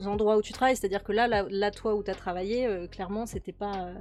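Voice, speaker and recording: A fast-talking woman with a medium pitch and fairly even intonation provides casual let's-play commentary while playing a management game. Her chatter is full of fillers and repeated words, over faint background music.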